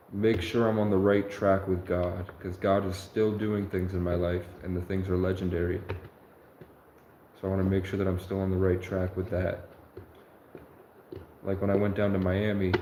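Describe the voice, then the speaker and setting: A young livestreamer in his twenties rambles in an earnest, meandering way, frequently correcting himself. His low-pitched voice is mellow, and the room around him is echoey with faint noise.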